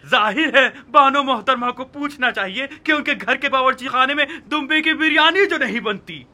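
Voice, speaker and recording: A man's voice: very high-pitched, bright, forceful tone, exaggerated voice. An actor dubbing an irritable nobleman husband in a historical drama, speaking sarcastically and scolding.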